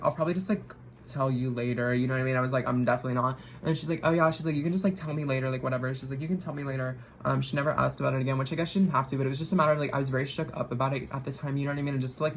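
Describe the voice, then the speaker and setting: A young man tells a storytime at home while he gets ready, rambling along in slang and swearing bluntly. He talks fast but keeps his pitch level and flat. A faint hum sits under the phone recording. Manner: rambling, slangy, fillers of "like" throughout; blunt and cussing. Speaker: vlogger.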